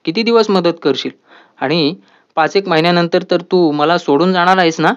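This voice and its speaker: A man's voice: high voice, normal speed, clear, resonant tone, natural voice. A man voicing a frustrated, self-pitying young husband as a recap quote. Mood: bitter. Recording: dull lo-fi audio.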